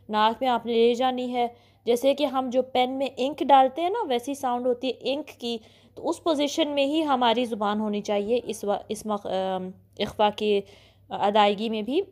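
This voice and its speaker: एक महिला शिक्षिका, जो धैर्य से धीरे-धीरे तजवीद का उच्चारण सिखाती है और अक्षरों को बार-बार दोहराती है।. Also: female voice, on the high side, a little mellow. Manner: patient, repeats syllables slowly, often says "okay". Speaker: Quran recitation teacher. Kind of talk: slow step-by-step pronunciation lesson.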